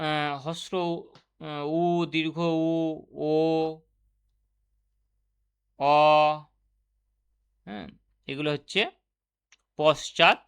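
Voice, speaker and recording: A man with a slightly higher voice and a smooth, clear tone teaches a Bengali grammar lesson. He explains step by step, asks questions aloud and then answers them himself, in the steady manner of an online exam-prep class.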